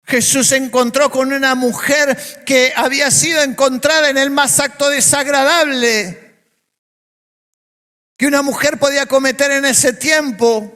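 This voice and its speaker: A man's voice: extremely high pitch, fairly even intonation, measured pace, sharp tone, in a large hall. A man with an Argentine accent, preaching a sermon as a pastor, emphatic and full of repeated phrases. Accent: Argentine Spanish. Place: church.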